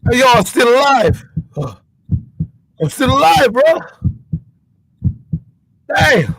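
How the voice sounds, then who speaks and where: A man hosting a livestream in loose, excitable casual chat, out of breath, calling out shout-outs in slang. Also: extremely high pitch, slow, husky, dry recording, poor audio. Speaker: livestream host.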